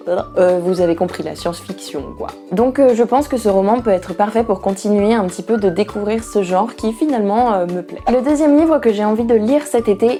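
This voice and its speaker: A young woman chats about books straight to her camera, playful and full of little asides. Her voice is warm and mellow, and faint music plays underneath. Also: medium pitch. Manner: chatty, playful, frequent fillers and asides. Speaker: book vlogger. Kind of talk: casual book talk to camera. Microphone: camera mic.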